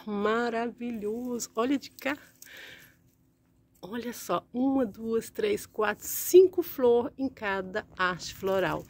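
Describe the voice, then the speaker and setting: A woman's voice: fairly high pitch, a little mellow, breathy edge. A woman from Brazil filming a casual vlog as she walks through a large orchid greenhouse. She keeps calling out to her viewers, gushing over each flower, recorded on a handheld phone. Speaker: orchid vlogger.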